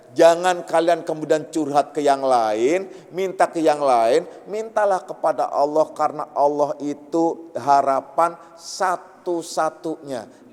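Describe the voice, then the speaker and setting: A man's voice: on the high side, a little mellow. A man giving a religious teaching in casual, storytelling speech, acting out the people in his stories. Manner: colloquial storytelling, acts out characters. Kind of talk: sermon. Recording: long hall reverb.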